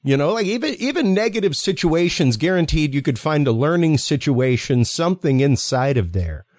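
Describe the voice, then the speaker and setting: A man's voice: fairly high pitch, big pitch swings, normal speed, darkish tone, no room sound, studio quality. A man hosting a live podcast in an enthusiastic, informal, rambling way, moving between sponsor reads and interview chat. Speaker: podcast host.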